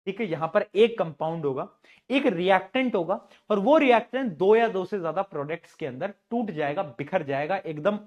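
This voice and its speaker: Guy in his 20s, teaching online, chatty and teasing, reads stuff out slow. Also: high-pitched, expressive, a little mellow, dull audio. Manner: chatty, teasing, jokes with students; reads questions out slowly. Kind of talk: online class lecture.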